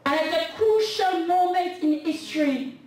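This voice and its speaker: Speaking unhurriedly in a very high-pitched voice, this Canadian woman in middle age delivers an impassioned sermon as the convention's guest speaker, her lines half-sung and rising into shouts. The echo of the church sanctuary comes through a faraway camera, and she holds a handheld microphone.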